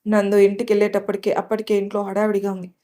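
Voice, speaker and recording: A woman storyteller giving a calm, scripted narration of a love story. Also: medium pitch, quick pace.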